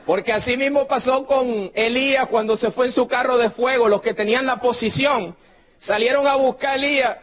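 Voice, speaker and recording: Guy preaching, kinda high husky voice, slow and emphatic then shouting, tells stories acting out people. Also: steady tone. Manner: swings from slow emphatic declarations to shouted proclamations; conversational storytelling, acting out other people's words. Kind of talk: sermon.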